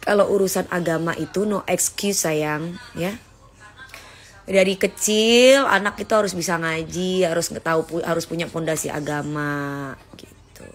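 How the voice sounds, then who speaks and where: A woman's voice: on the low side, steady tone, a little slow. Chatty woman on a phone livestream. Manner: chatty, calls viewers "say" and "guys", lecturing tone. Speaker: livestream host reading viewer comments. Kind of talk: casual livestream chat, teaching her son. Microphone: phone held for a livestream.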